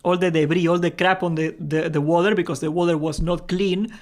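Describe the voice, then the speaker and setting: A young man hosts a gaming livestream in a loose, joking chat with his viewers. His voice sits high for a man. He laughs easily, swears casually, and rambles along in a friendly, offhand way. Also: fairly even intonation, a little fast. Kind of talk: casual live-stream chat.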